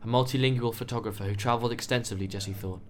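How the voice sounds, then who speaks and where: A man narrating a novel in steady, scripted audiobook style. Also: mid-range voice, very fast.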